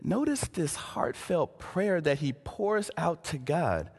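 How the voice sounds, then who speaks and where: Earnest male preacher, high voice with a wide swing, repeats himself for emphasis, sermon in a big echoing hall. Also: animated, slow pace, darkish tone, slightly rough. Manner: earnest, repeats words and keeps saying "listen". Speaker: pastor. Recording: long hall reverb.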